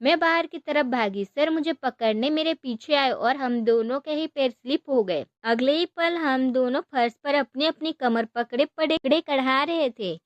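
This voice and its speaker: A woman narrating a first-person love story in an expressive, conversational way. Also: sits high, normal speed, hardly any pauses, no room sound, lo-fi sound.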